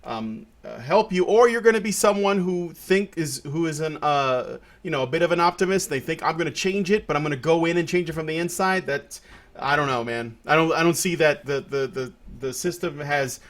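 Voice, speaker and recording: A Puerto Rican man hosts a casual podcast, rambling loosely with many restarts and fillers. He speaks fairly quickly in a fairly high-pitched voice with a fairly bright tone.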